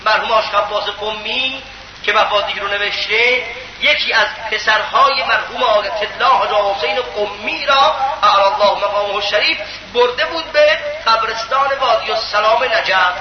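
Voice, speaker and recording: A man's voice: sits high, crowd noise. A man giving an emphatic sermon, asking his listeners rhetorical questions. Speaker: preacher. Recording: echoey, dull lo-fi sound with clear background noise.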